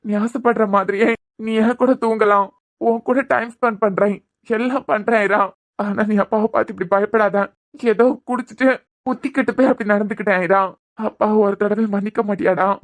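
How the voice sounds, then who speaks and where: A woman voicing a grieving young father, a doctor, who pleads softly and sorrowfully with his frightened daughter in Kanyakumari Tamil. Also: medium pitch, steady tone, fairly quick, natural voice. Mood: pleading. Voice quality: pleading, sorrowful, repeating the child's name. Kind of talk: cartoon voice acting.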